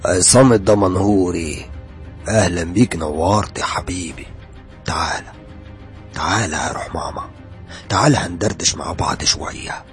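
An actor playing a menacing police interrogator who taunts and threatens a suspect in an audio drama. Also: male voice, sits low, normal speed, long pauses, soft background music, lightly acted. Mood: mocking. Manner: taunting, sarcastic, sudden shouts. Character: menacing male police interrogator, mocking and cold. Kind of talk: audio horror drama acting.

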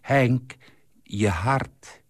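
A man voicing an anxious, gentle elderly wife who pleads softly with her husband in a read story. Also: mid-range voice, extremely slow, no echo, clean studio sound, voice pushed up. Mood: worried. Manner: soft, careful pleading.

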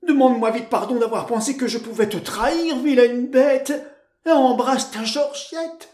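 Storybook role: man doing a weepy, wide-eyed young woman, high and pleading. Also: huge pitch swings, a little slow, roomy sound, full character voice. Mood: excited. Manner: pleading, rising high exclamations. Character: tearful, naive young woman, wounded friend.

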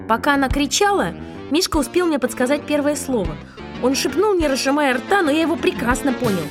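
A woman reading a children's story aloud in first person, lively and expressive. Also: a little high. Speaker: audiobook reader.

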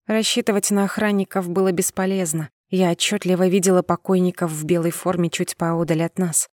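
A woman narrating a first-person audiobook in a measured, steady reading. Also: fairly low pitch, no room sound, studio quality.

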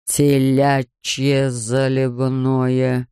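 A man voicing a pompous older male surgeon, gruff and sarcastic. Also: medium pitch, fairly even intonation, unhurried, no echo, studio quality, pitched below the performer's own voice, natural voice.

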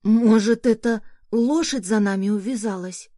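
A woman voicing a small boy, anxious but eager, speaking in a hushed, halting child's way. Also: medium pitch, dry recording, studio quality, lightly acted.

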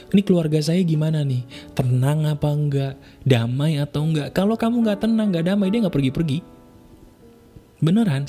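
A man, hosting an advice show and answering listener emails in a casual, lively way, mixing slang and acting out quoted voices. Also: medium pitch. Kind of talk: casual spoken advice monologue. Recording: soft guitar music behind.

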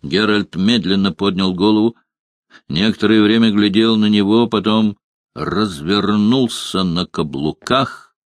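A man reading an audiobook aloud in a measured, even narration. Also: fairly low pitch, no echo. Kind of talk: scripted narration.

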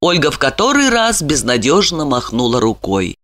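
A woman narrating an audiobook in an expressive storytelling manner. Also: sits low, normal speed, no echo.

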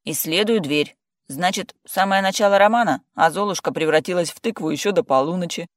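A reader voicing a calm male friend who teases and talks matter-of-factly. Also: high-pitched, brisk, no echo, studio quality, lightly acted. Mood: teasing. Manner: teasing, matter-of-fact. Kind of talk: audiobook character voice.

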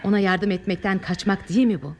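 An actress playing an anguished, defiant adult daughter in old radio theatre style, earnest and formally articulated. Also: female voice, mid-range voice, fast, a little hiss or hum, close to an everyday voice. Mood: accusing, anguished. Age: late 30s.

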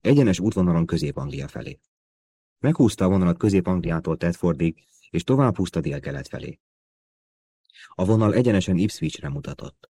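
A man narrating a spy thriller audiobook in a steady, measured reading. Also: low-pitched, dry recording. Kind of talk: scripted narration.

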